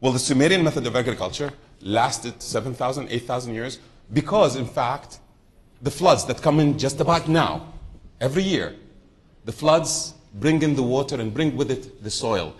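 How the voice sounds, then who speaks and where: A man's voice: medium pitch, normal speed. A middle-aged man from southern Iraq speaking on a conference panel, talking off the cuff, wandering off topic and often restarting sentences. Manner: unscripted, digressive, frequent restarts.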